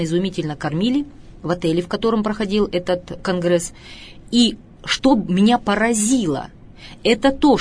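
A middle-aged woman speaking as an expert guest, lecturing emphatically and slowing down to stress her points. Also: medium pitch, husky. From Russia. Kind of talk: studio talk show interview.

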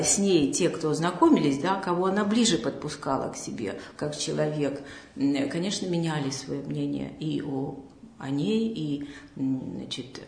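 Low-voiced hesitant woman, roomy echo. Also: darkish tone. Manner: hesitant, many filler sounds. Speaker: house museum staff member. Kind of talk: interview answers. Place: small drawing room of a house museum.

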